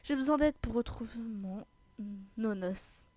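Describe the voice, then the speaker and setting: A woman's voice: on the high side, measured pace, a little mellow, no echo, close to an everyday voice. Woman voicing a bouncy dog girl. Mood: eager. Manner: bouncy, insistent. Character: playful young dog girl, eager and cute.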